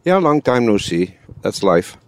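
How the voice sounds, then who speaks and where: A Dutchman in his seventies, appearing as a guest and an amateur film actor, talks casually and matter-of-factly in slightly broken English with a Dutch accent. His voice sits fairly low, swings widely in pitch, and moves at an unhurried pace.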